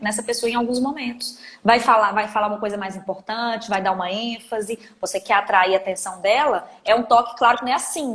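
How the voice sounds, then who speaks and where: Animated Brazilian woman teaching in an echoey room. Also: high voice. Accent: Brazilian Portuguese. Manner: animated, emphatic, explains with everyday examples. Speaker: communication trainer. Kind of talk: live online training talk.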